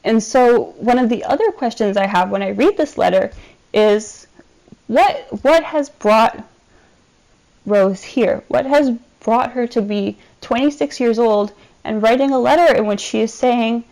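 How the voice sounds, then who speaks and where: Woman presenter with gravelly creak. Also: fairly high pitch, a little mellow, poor audio. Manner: measured, explanatory, with frequent ums. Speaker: archivist presenting a collection. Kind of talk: recorded presentation over slides.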